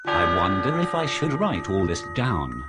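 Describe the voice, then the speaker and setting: Comic horror audio play: male actor as absent-minded undead academic, very deep and animated, brooding and self-absorbed. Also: a little slow, loud music behind the voice, exaggerated voice. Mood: musing, brooding. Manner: musing, talking to himself. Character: absent-minded male behaviorist professor turning zombie, brooding, distracted.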